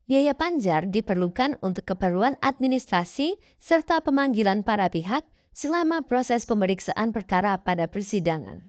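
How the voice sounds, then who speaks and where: A woman's voice: mid-range voice, very animated, moderate pace, no room sound. A woman narrating a scripted explainer in the manner of a presenter with casual asides. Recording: dull, dry voice-over.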